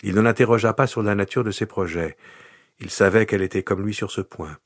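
A man reads an audiobook with measured, even narration. His voice sits on the low side, and the recording is close and dry, with no room sound. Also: no echo. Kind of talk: scripted narration.

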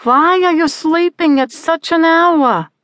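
A shrill, nagging mother who hollers every line, pitched well above the storyteller's own voice, as a woman narrator puts her on. The sound is dry and close, with no room around it, like a storybook recording. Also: slow pace, dry recording, exaggerated voice. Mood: scolding. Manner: shouting, hollering.

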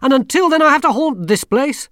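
A man reading a storybook, voicing a newly dead king who barks his words in a brisk, excitable way. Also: extremely high pitch, no echo, studio quality, voice pushed up, full character voice. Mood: dismayed. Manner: barking, upper-class and excitable.

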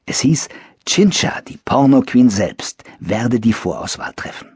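A man narrating a story in the first person for an audiobook, wry and lively. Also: medium pitch, a little slow, husky, dry recording, studio quality.

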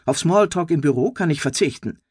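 A man's voice: on the high side, expressive, brisk, a little mellow, breathy edge, no room sound, clean studio sound. A woman reading an audiobook, voicing a curt, grumbling middle-aged male police chief. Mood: gruff.

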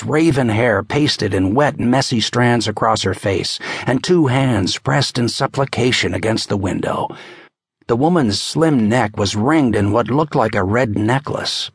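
A man narrating a thriller audiobook in a tense, dramatic, measured way, close to a studio mic. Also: on the low side, husky, no room sound.

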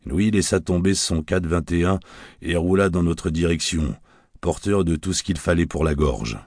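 A man narrating a detective novel in a wry, measured storytelling manner, recorded close to the mic. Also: low voice, darkish tone, no room sound. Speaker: audiobook narrator.

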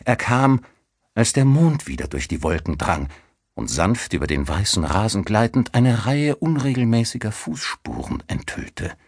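Deep guy reading a crime audiobook, husky voice, really dramatic, dry studio sound. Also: sing-song, measured pace, no room sound. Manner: dramatic, suspenseful storytelling. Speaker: audiobook narrator. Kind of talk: scripted narration.

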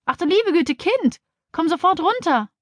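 Woman as anxious teacher, raised pitch, alarmed and fussing, children's storybook. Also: expressive, normal speed, dry recording, studio quality, lightly acted. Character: flustered, anxious female schoolteacher.

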